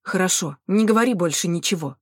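Female narrator doing eager young male guard, loud and earnest, audiobook. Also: on the low side, lively intonation, fairly quick, dry recording, clean studio sound. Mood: urgent. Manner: loud, exclaiming and pleading.

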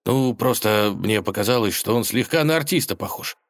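A man's voice: fairly low pitch, animated. Man doing a fretful chatty wolf. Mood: evasive. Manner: fretful, rambling, slow. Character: anxious talkative male wolf, chatty sidekick.

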